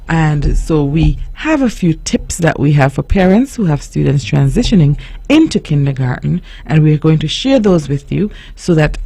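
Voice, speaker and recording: A woman radio host reading a children's story aloud and then talking about getting ready for school, in an unhurried, expressive storytelling manner. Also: deep voice, slightly rough, poor audio. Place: radio studio.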